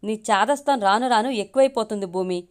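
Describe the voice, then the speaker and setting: A woman's voice: medium pitch, fairly quick, smooth, natural voice. A woman reading as Pavan, a teasing young husband. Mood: exasperated. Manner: joking, then pleading and exasperated. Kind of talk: storybook reading.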